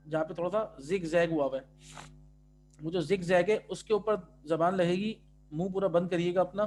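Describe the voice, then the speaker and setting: Man teaching, drawing out letter sounds. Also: sits high. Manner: drawn-out, loud demonstrations of letter sounds between explanations. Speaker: tajweed teacher. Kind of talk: online class instruction.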